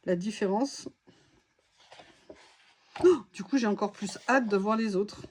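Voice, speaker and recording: A woman's voice: mid-range voice, a little slow, darkish tone, slight background noise. A woman vlogger chatting casually through a craft haul, exclaiming as she reacts to each item.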